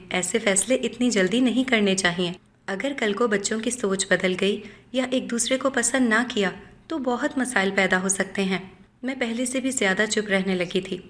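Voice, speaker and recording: A woman narrating a scripted first-person story in a steady, measured reading voice. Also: medium pitch.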